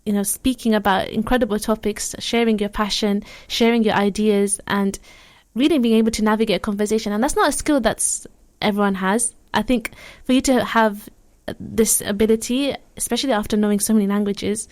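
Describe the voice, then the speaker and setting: A young woman co-hosting a casual radio chat, reflective and supportive, with quick asides. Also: medium pitch, fairly even intonation, a little mellow. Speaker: radio co-host.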